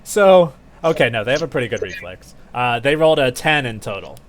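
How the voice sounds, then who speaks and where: A man acting as game master, narrating and refereeing a tabletop game casually, often pausing to think aloud. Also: mid-range voice, lively intonation, slight background noise.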